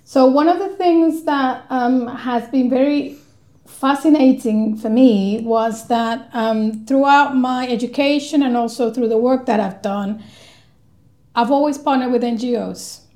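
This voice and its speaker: Higher-voiced woman from Colombia, measured. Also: mellow, reverberant. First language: Spanish. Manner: thoughtful, measured, frequent ums. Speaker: guest researcher. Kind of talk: podcast interview.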